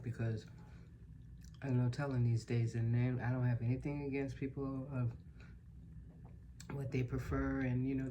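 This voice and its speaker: A woman with a strikingly low voice tells a casual story in a chatty way. She livens up when quoting others. There is clear background noise in the homey recording. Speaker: mukbang vlogger.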